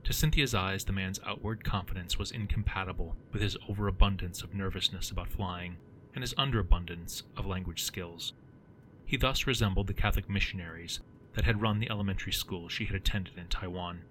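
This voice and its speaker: Man, very low voice, scripted story narration, steady measured reading, faint background hiss. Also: poor audio. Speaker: author and narrator.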